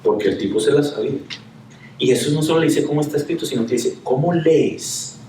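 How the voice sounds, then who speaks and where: Male pastor giving a sermon, kinda high voice, echoey room, mic a bit far off. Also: quick pace, warm tone, slight background noise. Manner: conversational preaching with rhetorical questions.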